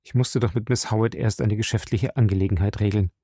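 A man reading an audiobook and voicing a sheepish husband who pleads softly and hurries through his excuses. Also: fairly low pitch, fairly even intonation, fast, husky, no echo, studio quality. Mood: pleading. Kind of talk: audiobook character voice.

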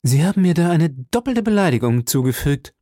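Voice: mid-range voice, very animated, brisk, mellow, dry recording, studio quality, voice pushed up, natural voice. A reader voicing a vain, boastful male musketeer who speaks pompously and pities himself in an audiobook. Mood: affronted. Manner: pompous, self-pitying. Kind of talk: audiobook character reading.

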